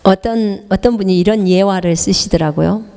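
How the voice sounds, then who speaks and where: A woman's voice: mid-range voice, moderate pace, mellow. Emphatic woman preacher in a reverberant hall. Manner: emphatic, with rhetorical questions to the listener. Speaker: missionary preacher. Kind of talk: sermon. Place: church hall.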